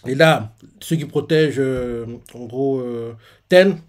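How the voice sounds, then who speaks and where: A man chatting excitedly as he reacts live to a manga chapter. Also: medium pitch, takes it slowly.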